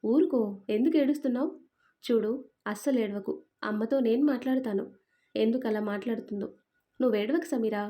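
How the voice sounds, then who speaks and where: A woman's voice: on the high side, fairly quick, long pauses, mellow, natural voice. A woman reading a story voicing a young husband who speaks in a soothing, earnest way. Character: caring young husband, calm and reassuring.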